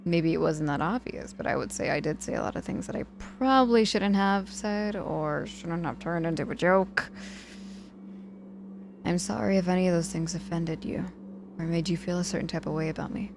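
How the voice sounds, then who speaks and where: In an ASMR audio roleplay, a woman voices an injured witch mentor who is cocky but softening, teasing dryly while turning apologetic and protective, with hesitant pauses. Her lowish voice carries vocal fry, and the mood is apologetic and confiding. There is noise in the background.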